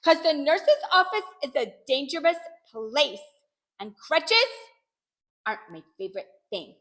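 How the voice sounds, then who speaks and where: A woman reading a children's book aloud in an animated, expressive way, narrating in the first person. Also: high-pitched, unhurried. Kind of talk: storybook read-aloud.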